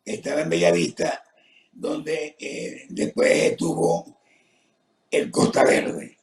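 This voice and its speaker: Older man, tracheotomy-distorted gravelly voice. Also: fairly high pitch, roomy sound. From Venezuela. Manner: slow, halting, with many pauses and fillers. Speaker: retired professor, guest. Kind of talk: interview answers.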